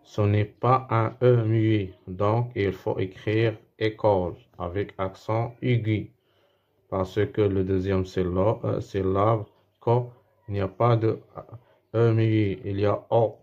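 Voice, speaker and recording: A man with a Moroccan accent teaches a French spelling lesson to schoolchildren. His voice sits low and he talks very slowly, repeating words and circling back as he explains. The recording sounds dull and lo-fi. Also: fairly even intonation. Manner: slow, repeats words and restarts while explaining.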